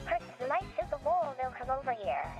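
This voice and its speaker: Man putting on a high creepy doll girl, voice-changed. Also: sing-song, a little fast. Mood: hesitant, pleading. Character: timid girl game character in a creepy doll voice. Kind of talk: reading game dialogue in character. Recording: dull lo-fi sound, loud music behind.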